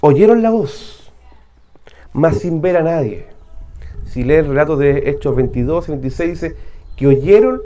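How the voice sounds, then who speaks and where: A man's voice: fairly high pitch, lively intonation, measured pace, pauses often, dark tone. A man with a Chilean accent, a pastor preaching a conversational sermon full of rhetorical questions to his congregation.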